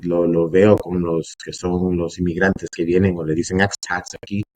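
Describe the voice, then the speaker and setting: Man from Canada, podcast guest, lowish pitch, earnest, pauses on fillers. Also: flat delivery, a little mellow. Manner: earnest, explains at length with frequent "eh" pauses. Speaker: podcast guest, shop co-founder. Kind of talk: casual interview chat.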